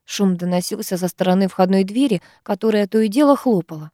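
A woman reading a first-person audiobook in a lively, expressive way. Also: medium pitch, fairly quick, dry recording, clean studio sound. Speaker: audiobook reader.

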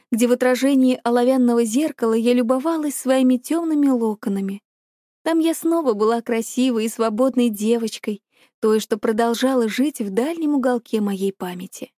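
A woman reading a myth aloud as a calm, brooding first-person narrator. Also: a little high, no room sound, studio quality. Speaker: audiobook narrator.

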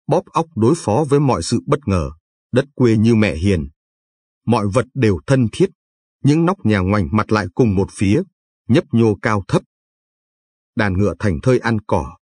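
A man reading a novel aloud as an audiobook narrator, in measured, vivid storytelling with a husky voice. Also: lowish voice, darkish tone, no echo.

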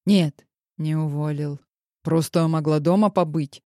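A woman puts on a man who is a boss, teasing and grumbling playfully in a lowered, soft voice. The recording is close and dry. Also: fairly even intonation, measured pace, dry recording. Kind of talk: audiobook character voice.

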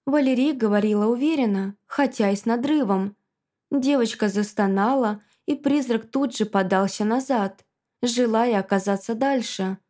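Female audiobook narrator, slightly high voice, measured dramatic first-person storytelling. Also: dark tone.

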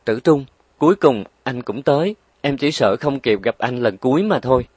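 A man's voice: medium pitch, animated, normal speed, a little mellow, breathy edge, dry recording. A man voicing a frail young mother who is desperate and pleading, in a weak, raised voice. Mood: tearful.

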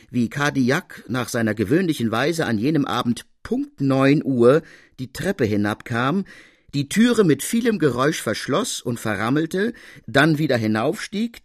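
A man reading a classic literary tale aloud in a measured, expressive storytelling voice. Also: mid-range voice, dry recording, clean studio sound. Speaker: reader.

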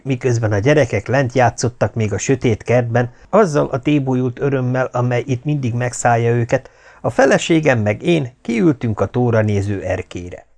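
A man narrating an audiobook in a wry, expressive storytelling manner. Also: medium pitch, gravelly.

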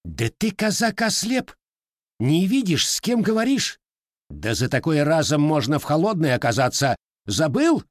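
A man's voice: a little high, wildly swooping pitch, slow, slightly rough, dry recording, studio quality, pitched above the performer's own voice, exaggerated voice. A man voicing an arrogant, hot-tempered male police lieutenant who snaps scornfully in an audiobook. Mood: angry. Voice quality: snapping, scornful.

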